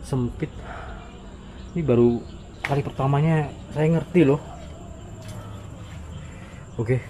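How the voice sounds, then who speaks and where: An Indonesian man with a dark, mellow voice of average pitch narrates a casual night exploration vlog. He speaks haltingly, with murmured asides and exclamations, outdoors with audible insect noise behind him. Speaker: vlogger exploring an abandoned site at night. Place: outdoors in overgrown wooded area at night.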